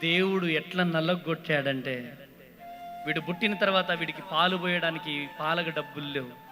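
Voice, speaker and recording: A middle-aged man, a pastor giving an emotional testimony sermon that swings from soft to shouted calls. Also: a little high, normal speed. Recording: reverberant hall with faint music.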